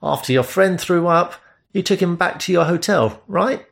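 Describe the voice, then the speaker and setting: A man's voice: sits high, creaky, a bit bright, pitched above the performer's own voice. Man putting on a hesitant young boatman. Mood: surprised. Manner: hesitant, halting phrasing. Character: young male boatman, guarded and unsure.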